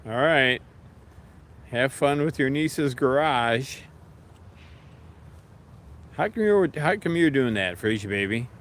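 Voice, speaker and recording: A man chatting casually with viewers on a livestream, relaxed and rambling, talking to his pets now and then. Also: medium pitch, takes it slowly, pauses often.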